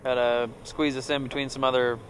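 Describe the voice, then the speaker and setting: A man's voice: medium pitch, fairly quick, a little hiss or hum. A man flying a small plane, chatting to viewers between radio calls. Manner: relaxed, chatty asides to viewers. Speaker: pilot and vlogger. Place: small plane cockpit in flight.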